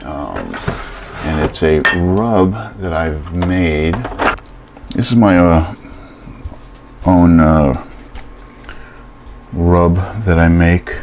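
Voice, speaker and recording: A man casually talking through a home cooking video, relaxed and halting, with many fillers. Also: sits low, a little hiss or hum. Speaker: cooking vlogger.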